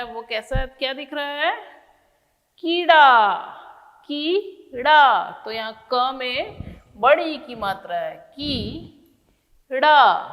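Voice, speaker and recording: A woman teaching a children's Hindi phonics lesson, sounding words out syllable by syllable and patiently asking and answering her own questions. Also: on the high side. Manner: patient, asks questions and answers them herself. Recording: long hall reverb.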